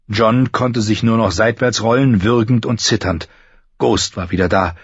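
A man reads a dark fantasy story aloud with tense, vivid delivery. His voice sits low and husky. The recording is dry and a little muffled. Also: no echo. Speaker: audiobook narrator. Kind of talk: dramatic fantasy audiobook reading.

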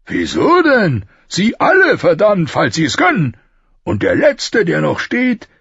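A male audiobook narrator voicing a loud, quick-tempered, boisterous king who curses and blusters. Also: sing-song, husky, no room sound, dull audio, exaggerated voice. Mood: indignant. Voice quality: loud and booming. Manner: blustering, cursing, swings between roaring laughter and rage. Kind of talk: audiobook reading.

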